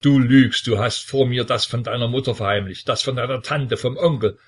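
A man's voice: mid-range voice, normal speed, slightly rough. Man voicing a furious domineering old tsar. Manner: shouting, harsh accusations. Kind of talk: audiobook character voice.

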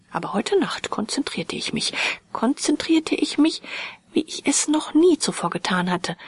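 Woman narrator, husky, whispery, slow ghost-story delivery. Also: mid-range voice, no room sound. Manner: often half-whispered, slow and hushed. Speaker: audiobook reader.

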